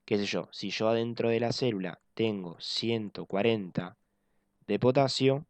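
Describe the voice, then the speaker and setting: A man teaching physiology in an online class, explaining step by step and slowing down to repeat key points. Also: lowish voice, dry recording. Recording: dull lo-fi dry sound.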